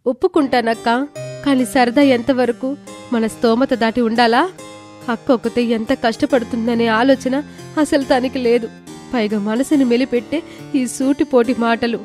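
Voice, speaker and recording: A woman plays a young woman who has raised her sister alone, in an audio story. She talks earnestly, with a slightly high, pleading tone. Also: steady tone, normal speed, darkish tone, faint music behind, close to an everyday voice. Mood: hurt. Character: responsible young woman, caring older sister.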